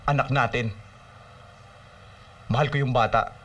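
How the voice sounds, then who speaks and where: A man's voice: medium pitch, steady tone, measured pace, a bit bright, distant mic, muffled recording, a little hiss or hum, lightly acted. An actor playing a smug, defensive estranged father in a film drama. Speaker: father, boss.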